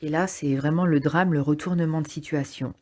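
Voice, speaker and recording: A woman's voice: low voice, fairly even intonation, brisk, a little mellow. A woman casually summarizing a play aloud, hesitant and thinking as she goes, with frequent fillers. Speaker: literature summarizer.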